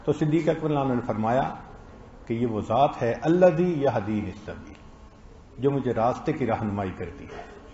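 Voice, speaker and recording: A man preaching a sermon, telling stories and acting out quoted lines in a slow, deliberate delivery. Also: mid-range voice, expressive, mellow. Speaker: Islamic preacher. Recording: roomy, dull lo-fi recording.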